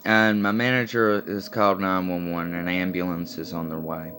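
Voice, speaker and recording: A man in his late twenties with a low, deep voice tells a personal story in a loose, rambling vlog style. He swears freely and leans on fillers as he goes. Music plays clearly behind his voice. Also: little pitch movement, moderate pace, fairly bright tone. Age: late 20s. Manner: rambling, profane, full of fillers. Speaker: vlogger telling a personal story. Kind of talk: casual spoken storytelling. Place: sitting at home with coffee and a cigarette.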